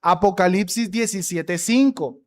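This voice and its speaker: A man's voice: high voice, unhurried. A man preaching a sermon as pastor, emphatic, stretching key words and repeating phrases for emphasis.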